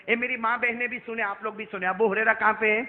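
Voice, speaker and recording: A male preacher telling a story in a sermon to a live gathering, swinging between hushed narration and shouting and quizzing his listeners. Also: high voice, steady tone. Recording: echoey hall, dull lo-fi sound.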